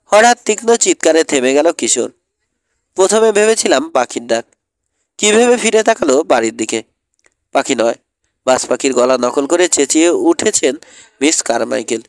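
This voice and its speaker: A man's voice: on the high side, lively intonation, moderate pace, pauses often, dry recording. Man narrating an audiobook, dry close mic. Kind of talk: scripted narration.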